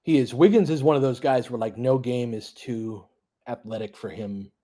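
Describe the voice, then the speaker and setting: A man at normal speed with a mellow, mid-range voice hosts a fan livestream of a basketball game. His play-by-play is conversational and off the cuff, delivered in short clipped bursts as he chats with listeners.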